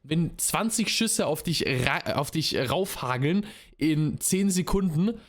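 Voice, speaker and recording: A man's voice: a little high, animated, slow. A young man streamer giving casual reaction commentary, laid-back and dropping English gamer slang into his talk.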